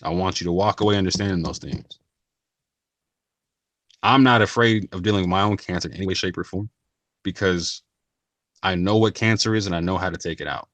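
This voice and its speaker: Male vlogger, very low voice, earnest and slangy, many restarts, dry close sound. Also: brisk, pauses often, fairly bright tone, no room sound. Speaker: channel host. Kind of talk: casual talk to camera.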